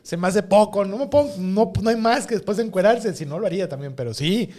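Male co-host, playful banter, fairly high voice. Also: lively intonation, quick pace, mellow. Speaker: podcast co-host. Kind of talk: casual chat.

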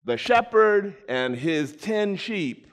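A man preaching a storytelling sermon, animated, acting out voices and addressing listeners by name. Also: high-pitched, slow, vocal fry. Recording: long reverb in a large hall.

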